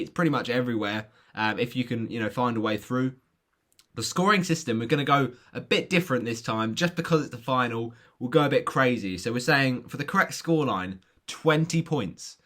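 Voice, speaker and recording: Man with a hoarse voice giving out. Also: mid-range voice, a bit bright. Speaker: football prediction vlogger. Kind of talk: casual football prediction commentary to viewers.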